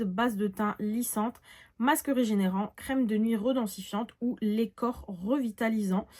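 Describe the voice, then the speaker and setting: A young woman in her late twenties talks through a beauty haul in a chatty, unscripted way, pausing often with little fillers. Her voice sits slightly above the usual for a woman. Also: on the high side. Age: 20s. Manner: chatty, frequent "euh" fillers and "du coup". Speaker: beauty vlogger. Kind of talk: casual haul vlog, showing products.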